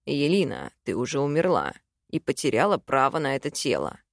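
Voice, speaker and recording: A woman voicing a stern young man who is a dragon shifter, speaking low, weary and firm. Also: wildly swooping pitch, brisk, gravelly, dry recording, studio quality, exaggerated voice. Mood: grim.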